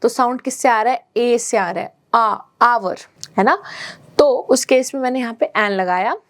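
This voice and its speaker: A woman's voice: a little high, dry recording, studio quality. A woman teaching a grammar lesson to schoolchildren, switching between English and Hindi and checking in with her students often. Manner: slow careful English, quicker Hindi explanations.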